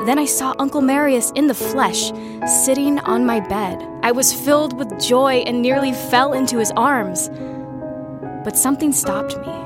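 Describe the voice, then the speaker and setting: A woman's voice: fairly high pitch, close to an everyday voice. An actress playing a young woman who tells of a terrifying event from her girlhood in earnest, tense first-person narration. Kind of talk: scripted horror narration. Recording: music bed under voice. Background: clear music.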